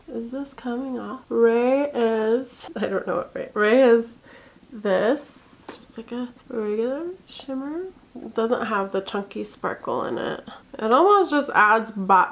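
Woman vlogger chatting through a makeup tutorial, kinda high voice, frustrated and self-mocking, trails off into mumbles. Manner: chatty, self-deprecating, exasperated; drops to muttering and near-whispers while working. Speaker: beauty vlogger.

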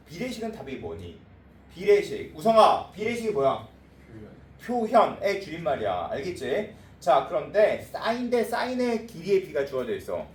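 A male math teacher lecturing a class in a blunt, informal way, checking again and again that the students got it. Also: a little high. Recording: echoey room, voice from a distance, faint noise.

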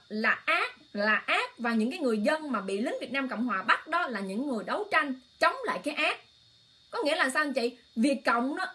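High-voiced impassioned woman livestreamer. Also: sharp tone. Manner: impassioned, exclaiming, addresses viewers directly. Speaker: online livestream host. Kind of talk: emotional political talk to viewers.

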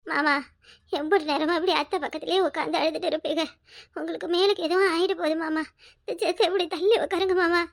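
A woman voicing an angry young village woman in a cartoon, firing sharp, accusing questions. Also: very high voice, steady tone, quick pace, vocal fry. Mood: worried. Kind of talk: cartoon voice acting.

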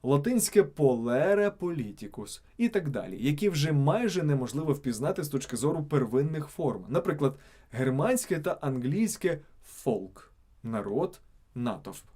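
A man reads scripted narration in a fairly high voice that swoops up and down with lively intonation. His tone is dark and mellow. He stresses example words one by one. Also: normal speed. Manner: emphatic, word-by-word reading of examples. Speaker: channel narrator.

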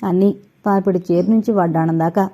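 A woman's voice: fairly low pitch, steady tone, a little fast, mellow, close to an everyday voice. A woman voicing an earnest young heiress. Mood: calm.

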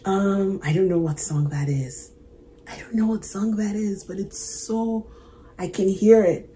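Mellow-voiced woman reacting to a song. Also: medium pitch, fairly even intonation, a little hiss or hum. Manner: earnest, reflective, halting with restarts. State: emotional, choked up. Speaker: music reaction channel host. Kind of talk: casual reaction commentary.

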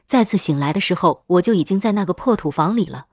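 A woman's voice: fairly low pitch, expressive, fast, a little mellow, no room sound, studio quality. A woman voicing a bitter young woman who coldly accuses the narrator. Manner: cold, accusing.

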